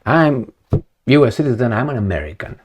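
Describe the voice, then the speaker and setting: A man's voice: mid-range voice, sing-song, fairly quick. A man from Romania, giving a rambling opinion monologue to camera, full of rhetorical questions and repetition. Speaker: video commentator.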